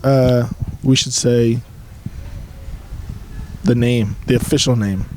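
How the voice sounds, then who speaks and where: A man's voice: mid-range voice, steady tone, slow, darkish tone, slight background noise. A young man co-hosting a podcast in casual chat, joking and rambling, laughing often. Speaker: podcast co-host.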